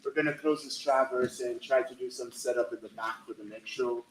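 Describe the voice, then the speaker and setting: A man making quiet, practical announcements about the stage setup at a live theater event, with hesitant ums. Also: medium pitch, steady tone, a little fast, slight background noise. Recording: echoey theater, voice from far off.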